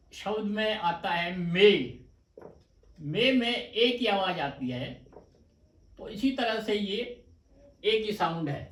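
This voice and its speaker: A man teaching a stenography lesson, explaining patiently and slowly with repeated examples. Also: high-pitched, recorded from a distance. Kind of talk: slow explanatory lecture. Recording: echoey room, voice off-mic.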